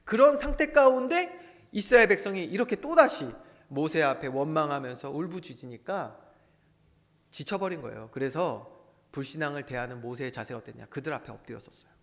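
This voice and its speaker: A man delivers a sermon in a fairly high, very animated voice, surging into loud bursts and then dropping to hushed asides. His words ring out with the long reverb of a church hall. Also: a little fast. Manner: impassioned preaching, swings between loud bursts and hushed asides. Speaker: pastor.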